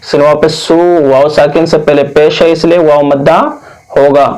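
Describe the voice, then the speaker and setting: A man from India teaching Quran reading, spelling out each word slowly and patiently, drawing out long vowels. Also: a little high, level tone, darkish tone, low-quality recording. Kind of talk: slow spelled-out recitation lesson.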